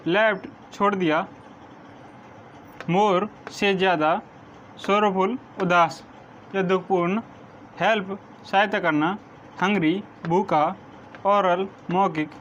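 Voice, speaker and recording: A male teacher slowly dictating vocabulary meanings to his class, spelling some words out letter by letter. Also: sits high, fairly bright tone. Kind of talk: vocabulary lesson, reading word meanings. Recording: dull lo-fi sound with faint noise.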